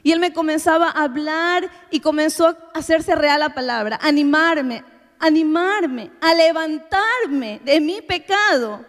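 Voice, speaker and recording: A woman with a high voice preaches earnestly to a gathering of women, sharing a personal testimony. Her words ring out with the long reverb of a church meeting hall. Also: measured pace. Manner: earnest, heartfelt preaching to the congregation. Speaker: church women's workshop speaker.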